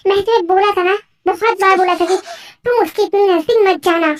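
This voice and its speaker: A woman's voice: very high voice, a little fast. A woman voicing a jealous, possessive young male professor in a fan-made audio drama. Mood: angry. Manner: scolding, sharp. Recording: faint music behind.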